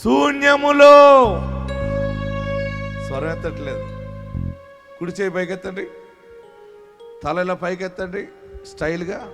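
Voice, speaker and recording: A man pastor preaching a sermon, leading the congregation in song and shouted praise, then telling a story from his church. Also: high voice, moderate pace, pauses often, over loud music. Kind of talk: sermon with worship singing.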